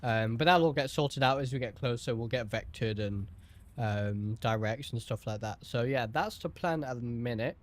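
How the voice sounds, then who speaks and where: A man's voice: medium pitch, normal speed. A man giving casual live-stream commentary on a flight simulator session, chatty, with many ums, thanking viewers by name.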